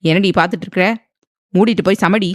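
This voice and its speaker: A man's voice: high-pitched, fairly quick, dry recording, close to an everyday voice. Cruel bossy husband from an audio novel, harsh orders, dry close mic, a woman reads him. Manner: harsh and commanding. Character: domineering threatening young husband.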